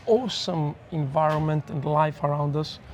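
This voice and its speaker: A man's voice: on the high side, steady tone, moderate pace. A man with a Greek accent, a neuroscientist guest speaking in an earnest, reflective way in a casual podcast conversation. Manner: earnest, reflective, explains with examples.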